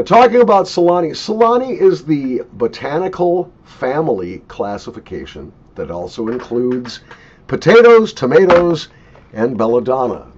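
A man's voice: mid-range voice, a little mellow, husky. A man in his sixties giving a casual, opinionated, unscripted product review in an emphatic way, recorded at a desk in a small home office. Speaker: pipe tobacco reviewer. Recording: dull lo-fi webcam sound.

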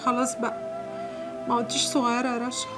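A woman's voice: on the high side, huge pitch swings, fast. An actress playing a wronged, desperate young woman with an Egyptian accent, given to wailing, pleading outbursts. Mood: tender. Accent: Egyptian Arabic. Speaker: film actress. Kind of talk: film melodrama acting. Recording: music score behind. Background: film score music.

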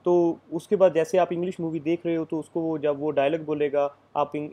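A man's voice: a little high, mellow. A man giving a casual lecture as an exam coaching teacher, explaining step by step with frequent fillers.

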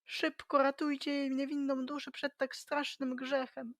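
A woman voicing a fussy, flustered woman mayor in a high, prim and fretful voice for a parody cartoon dub, with music behind. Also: little pitch movement, measured pace, a bit bright, dry recording, studio quality.

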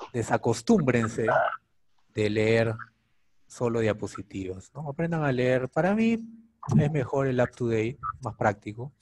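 Doctor lecturing, always asking "¿no?". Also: male voice, medium pitch. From Peru. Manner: conversational, keeps asking "¿no?". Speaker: doctor teaching medical students. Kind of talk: informal online lecture.

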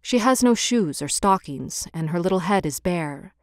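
A woman voicing a gentle, sorrowful prince who is a statue, speaking solemnly and tenderly in a storybook tale. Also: on the low side, expressive, moderate pace, no room sound, clean studio sound, pitched below the performer's own voice, lightly acted.

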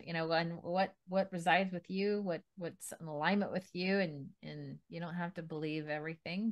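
A woman hosting a relaxed podcast conversation. Her voice sits a little low, and she talks in a bubbly, chatty way. She laughs easily and often restarts her sentences. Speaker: podcast host. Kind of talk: casual interview chat.

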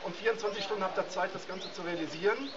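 A man's voice: high-pitched, fast talker, noisy background. A middle-aged man making a casual, hesitant announcement to a camera outdoors. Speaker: challenge participant. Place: outdoors on a wooden riverside deck. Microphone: camera a few metres away. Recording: distant, muffled mic, loud group chatter.

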